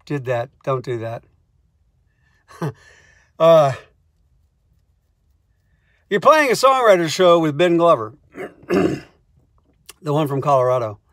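A man who is a songwriter, telling comic stories in a wry, animated way and acting out the scenes. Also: fairly high pitch, takes it slowly, long pauses, no echo, clean studio sound. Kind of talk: comic storytelling monologue.

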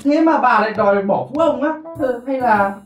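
A woman plays a cheeky young servant boy in a slapstick comedy. He bows and scrapes politely but slips in sly jabs. The slightly high voice echoes with music behind. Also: lively intonation, moderate pace, lightly acted. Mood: nosy teasing. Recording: echoey room with music underneath.

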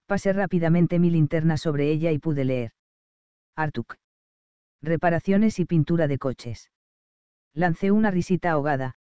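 Brief: man reading first-person noir, slightly high, smooth voice, dull audio. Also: dry recording. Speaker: reader.

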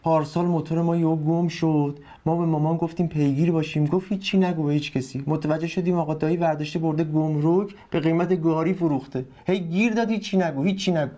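A man's voice: fairly high pitch, steady tone, few pauses, warm tone, lightly acted. An actor playing a bitter, sarcastic young husband who argues with his in-laws in a TV drama. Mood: indignant. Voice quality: sarcastic, argumentative. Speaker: son-in-law living with in-laws. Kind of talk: TV drama acting.

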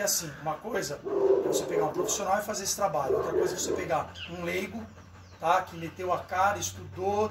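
A man's voice: fairly high pitch, roomy sound, recorded from a distance, noisy background. A man who trains dogs, talking informally straight to the viewers and coaching a dog owner. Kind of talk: explaining to camera, then coaching.

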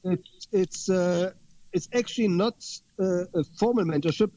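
Man, high voice, interview guest, earnest, repeats words, dull lo-fi sound. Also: measured pace, warm tone. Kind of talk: interview conversation.

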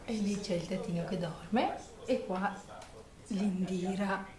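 A woman's voice: mid-range voice, slow, a crowd in the background. A young woman with an Italian accent, a mother talking casually to her viewers at home and cooing to her baby in a singsong voice. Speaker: vlogger mother. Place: home kitchen.

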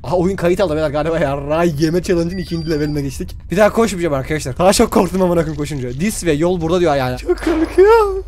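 Jumpy, high-voiced young gaming streamer. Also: male voice, racing, few pauses, a little hiss or hum. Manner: excitable, yelps and shouts in fright, swears a lot; talks to viewers directly. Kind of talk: horror game let's play commentary.

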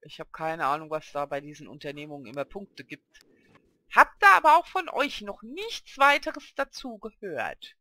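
A woman's voice: low voice, very animated, normal speed, pushed and bright, no room sound. A woman hosting a let's play, commenting on her game through a headset and chatting to the characters, urging and grumbling at them. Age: adult with a child.

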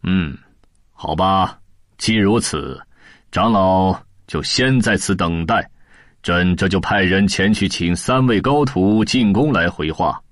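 A man's voice: low voice, takes it slowly, fairly bright tone, no echo, studio quality, pitched below the performer's own voice. A man voicing an imperious male king in an audiobook, commanding and threatening. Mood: mollified. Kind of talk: storybook audiobook voice acting.

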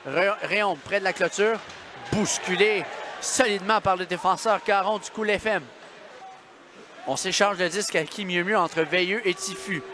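A man with a Quebec French accent giving excited sports commentary as a hockey play-by-play announcer, shouting out shots and goals. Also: sits high, normal speed, noisy background. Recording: loud arena crowd and music behind. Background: hockey arena crowd, music.

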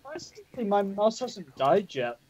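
A man's voice: high-pitched, very animated, unhurried, darkish tone, slightly rough. Bossy young man teasing on game chat. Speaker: gamer. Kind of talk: casual chat over voice chat while gaming. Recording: dull lo-fi mic.

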